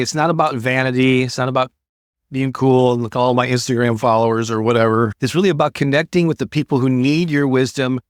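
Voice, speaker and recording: In a clean, dry studio recording, an older man with a mid-range voice hosts a motivational creativity talk for online listeners. He keeps it conversational and encouraging, leaning on key words for emphasis.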